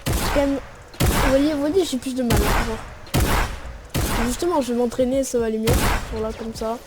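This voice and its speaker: A woman's voice: fairly high pitch, moderate pace, very noisy. A young woman giving casual, slangy gameplay tutorial commentary and voicing her own shot noises as she plays. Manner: slangy and relaxed, narrating with spoken shot noises. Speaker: gaming video creator. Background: music and gunfire from the game.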